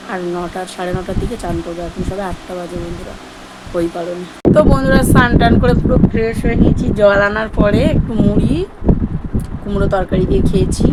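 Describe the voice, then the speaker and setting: A woman, chatting to viewers as friends while doing chores and cooking at her rural home, filmed on a phone. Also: fairly low pitch. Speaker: vlogger. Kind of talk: casual daily-life vlog narration. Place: rural home, kitchen and yard. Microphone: phone camera. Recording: loud household noise behind voice.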